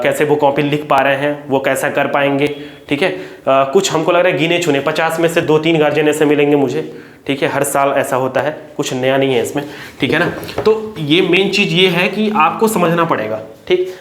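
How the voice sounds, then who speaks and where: Earnest teacher, echoey room. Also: male voice, a little high. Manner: earnest, repeats "theek hai" often. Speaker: coaching teacher. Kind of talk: direct-to-camera talk to parents and students.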